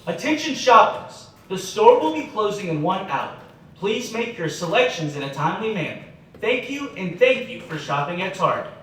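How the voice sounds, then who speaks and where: A man playing a polite store announcer, heard as a formal announcement over a shop loudspeaker. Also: high-pitched, very animated. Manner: formal, measured announcement delivery. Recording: echoey and distant, faint noise.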